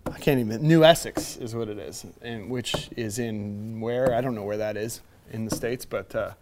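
A man's voice: on the low side, normal speed, a little mellow, slight background noise. A man co-hosting a casual movie podcast, hesitant, with many fillers, sometimes losing his train of thought. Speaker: podcast co-host.

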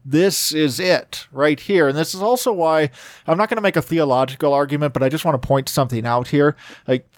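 A man's voice: a little high, fast talker, no room sound, clean studio sound. A man hosting a podcast, reflecting earnestly and conversationally on faith, with many asides and restarts. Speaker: podcast host. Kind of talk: reflective religious commentary.

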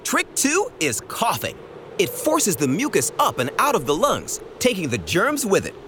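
A woman's voice: medium pitch, huge pitch swings, normal speed, background noise. A woman playing an upbeat young medical superhero who explains things eagerly in an educational cartoon. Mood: reassuring, eager. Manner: enthusiastic, explanatory.

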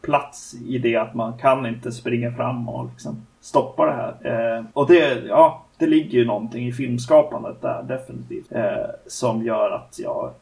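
A man's voice: medium pitch, vocal fry, few pauses, darkish tone. A man with a middling voice chats casually on a podcast, trailing off and restarting his sentences. He sounds a little distant from the microphone. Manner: conversational, many fillers and restarts. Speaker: podcast co-host. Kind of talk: casual film discussion.

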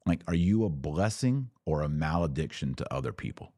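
A man with a rumbling low, dark voice hosts a livestream podcast, answering live viewers with informal, earnest advice. His delivery is sing-song at a moderate pace, and he exhorts listeners, often posing questions and answering them himself. The recording is dry and studio-clean.

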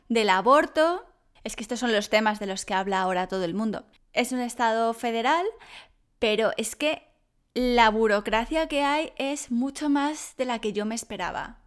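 A woman's voice: on the high side, clear, resonant tone. A woman from Spain chatting casually to camera, telling stories and acting out other people's voices. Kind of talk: casual storytelling monologue.

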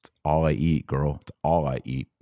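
A man hosts a podcast livestream, chatting casually and answering viewer comments in an informal, emphatic, slangy style. His voice rumbles low with fairly even intonation at normal speed, mellow in tone, recorded in studio quality with no room sound.

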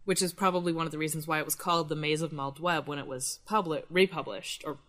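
A woman talks casually on a literary podcast. Her voice is a bit low, and she gives opinions in a wry, slangy, exasperated way. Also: fairly even intonation, quick pace, fairly bright tone. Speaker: podcast co-host.

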